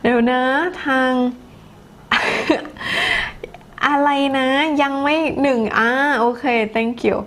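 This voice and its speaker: Woman, Thai accent, English teacher, live stream, slow, chatty, slightly high voice. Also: steady tone, fairly bright tone. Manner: switches between Thai and English, chatty, laughs often. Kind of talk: live-streamed lesson, reading comments.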